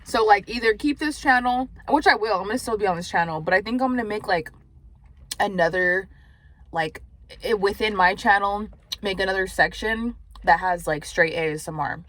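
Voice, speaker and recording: A woman's voice: medium pitch, normal speed, a bit bright. A young woman chatting casually and profanely while eating in a parked car, often dropping to a near whisper. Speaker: mukbang vlogger.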